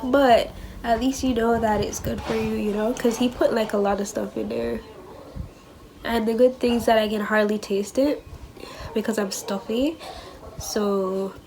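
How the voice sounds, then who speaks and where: A woman's voice: on the high side, steady tone, unhurried, a little mellow, slight background noise, rough recording. A young woman talking casually as a vlogger, her nose stuffed up, chatty and candid about being stressed. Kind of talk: casual vlog chat.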